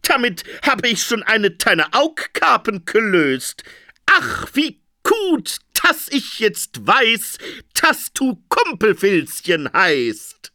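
A man's voice: high-pitched, huge pitch swings, slow pace, pushed and bright, dry recording, studio quality, voice pushed up, heavily acted. A man voicing a henpecked, whiny king in a comic story, sighing and flustered, with a lisping swap of sounds. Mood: gleeful.

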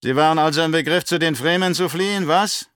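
A man's voice: fairly high pitch, brisk, fairly bright tone, smooth, no echo, clean studio sound, pitched above the performer's own voice, lightly acted. A man voicing a cruel, scheming, obese baron who barks angry questions in an audiobook reading. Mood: interrogating.

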